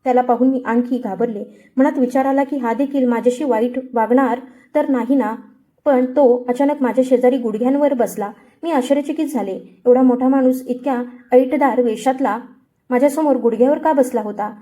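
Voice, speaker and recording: A woman's voice: high-pitched, normal speed, dark tone. A woman narrating a sorrowful first-person story in an earnest tone.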